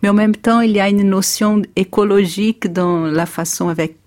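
A woman with a foreign Brazilian accent in French, a native Portuguese speaker, answering in an interview and searching for words in halting phrasing. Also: medium pitch, level tone, a little mellow. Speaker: interview guest, artist.

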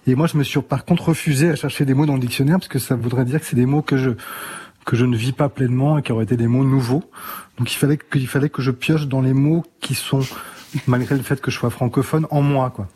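Thoughtful man with a mellow, husky voice. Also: mid-range voice, fairly even intonation, fast talker. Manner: reflective, thinking aloud with restarts. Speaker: musician guest. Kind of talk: radio interview.

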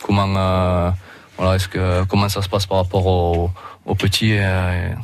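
Man, thirties, Roussillon French accent, deep monotone voice, halting casual radio chat. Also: a little hiss or hum. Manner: hesitant, full of filler sounds and restarts. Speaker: rugby league player, radio guest.

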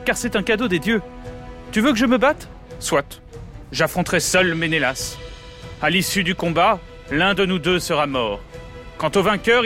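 A vain young prince from a storybook tale, put on by a woman narrator. His voice is pitched well below her own but stays bright and clear, calm and a little smug. Soft music plays behind him.

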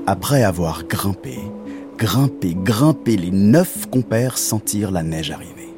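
A man narrating a children's story in a gentle, expressive storytelling manner. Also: lowish voice, a little slow, music in the background.

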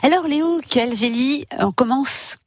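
A woman's voice: high-pitched, measured pace, no echo. A woman questioning guests as an interviewer on a radio programme.

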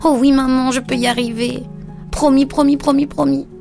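A woman's voice: mid-range voice, expressive, moderate pace, creaky, darkish tone, voice pushed up. Woman playing an eager little boy. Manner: eager, pleading. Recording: music playing underneath.

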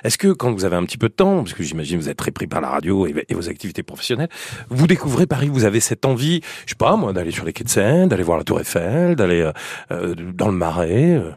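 A man from Auvergne hosting a radio interview, asking questions quickly and laughing readily. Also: low-pitched, sing-song, a little mellow, breathy edge, no room sound, clean studio sound. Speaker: radio host.

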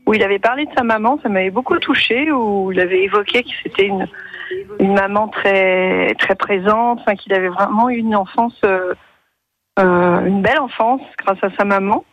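A woman's voice: mid-range voice, moderate pace. A woman calling in to a radio show over a phone line with a bad connection, talking hesitantly and searching for her words. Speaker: radio caller. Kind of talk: phone-in chat.

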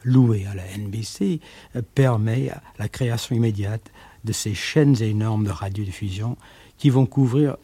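A man speaking in a measured documentary style, with occasional fillers, on an archive radio recording. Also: on the low side, mellow, breathy edge, no echo. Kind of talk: explanatory radio documentary talk.

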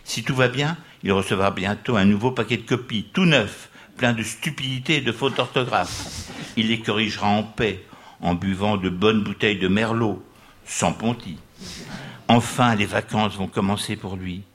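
A man with a fairly low voice reads his own humorous chapter aloud in a radio studio. He takes it at an easy pace, with dry, amused wordplay, and an audience sits in front of him. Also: normal speed, a bit bright. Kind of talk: reading a comic story aloud to a live audience.

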